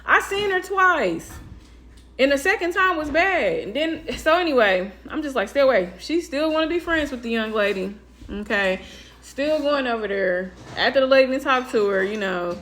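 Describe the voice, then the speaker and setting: High-voiced animated woman telling a story. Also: moderate pace. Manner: animated, acts out quoted voices with big pitch jumps. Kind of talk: casual storytime vlog.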